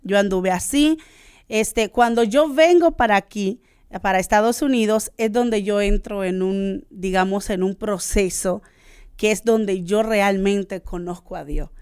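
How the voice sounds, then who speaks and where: A Honduran woman with a smooth, resonant voice tells her life story as a radio guest, earnest and searching for her words. The sound is dry and close, as in a small studio. She speaks with a Honduran Spanish accent. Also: medium pitch, measured pace, darkish tone, no echo. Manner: earnest, searching for words with many "este" fillers.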